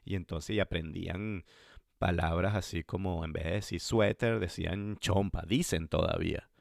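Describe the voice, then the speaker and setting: A man talking casually and thoughtfully about his life as an expat father, pausing often on fillers as he explains. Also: sits low, steady tone, creaky, darkish tone, no room sound, clean studio sound. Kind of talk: casual conversational storytelling.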